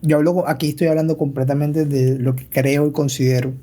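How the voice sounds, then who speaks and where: A man chats casually as a podcast co-host. His voice is a little higher than average, and he speaks colloquially, with a teasing edge. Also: flat delivery, fairly quick, dark tone. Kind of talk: casual chat.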